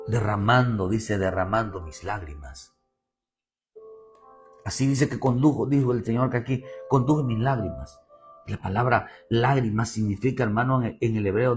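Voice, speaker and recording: A male pastor with a Mexican Spanish accent, preaching a sermon with repeated phrases and swelling emphasis, often calling the listeners "brother". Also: medium pitch. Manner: preaching with repetition and rising emphasis, addressing "hermano".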